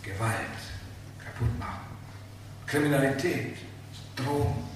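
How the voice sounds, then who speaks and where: A man preaching a sermon, emphatic and animated, asking the listeners rhetorical questions. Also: mid-range voice, unhurried, distant mic. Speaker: pastor. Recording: very echoey hall, speaker off-mic, faint room noise.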